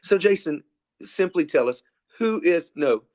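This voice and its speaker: Chatty higher-voiced man. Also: expressive, measured pace, a little mellow. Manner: casual, chatty, some restarts. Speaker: podcast co-host. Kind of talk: podcast interview.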